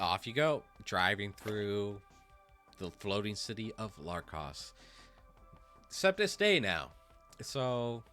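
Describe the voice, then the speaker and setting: A man runs a tabletop game in a loose, halting way, full of fillers. His voice is fairly low but bright and forward. Soft music plays behind him. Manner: casual, halting, with many fillers. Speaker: game master.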